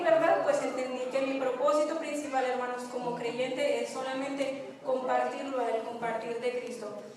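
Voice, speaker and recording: High-voiced woman testifying in echoey church. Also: slight background noise. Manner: earnest, emotional, frequent tag questions. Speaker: church member giving testimony. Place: church sanctuary. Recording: echoey church hall, voice from far off.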